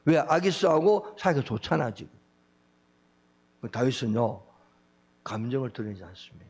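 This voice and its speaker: A man preaching a sermon as pastor, with a Gyeongsang accent, acting out quoted speech with big swings of pitch. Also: big pitch swings, moderate pace, husky. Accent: Gyeongsang Korean.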